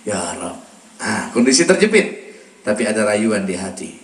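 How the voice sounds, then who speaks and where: A male preacher giving a sermon, swinging between soft, hushed pleading and raised exhortation. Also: fairly low pitch, sing-song, moderate pace. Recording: echoey hall, voice from a distance.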